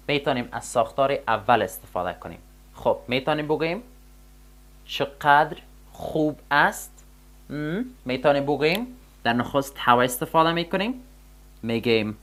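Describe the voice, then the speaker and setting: A man's voice: mid-range voice, a bit bright. Patient male teacher. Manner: patient, repeats terms in both languages. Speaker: English teacher. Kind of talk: explaining a grammar lesson.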